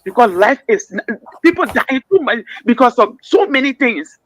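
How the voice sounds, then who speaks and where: A woman with a Liberian English accent calls in to a radio talk show, speaking emphatically and often stammering and repeating words. Her voice sits on the high side with lively intonation at a moderate pace, and the recording quality is low.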